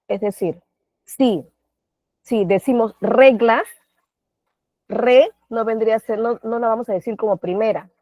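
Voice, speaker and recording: A woman's voice: mid-range voice, a little mellow, no echo. A Peruvian woman teaching an online class, patient, often asking the class questions and adding tag questions. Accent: Peruvian Spanish. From Peru. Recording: dry, phone-like audio.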